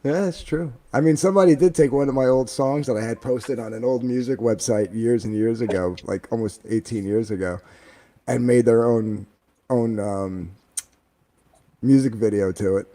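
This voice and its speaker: A man in his forties, a guest in a casual chat, telling long stories in a rambling, animated way full of fillers. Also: medium pitch, normal speed.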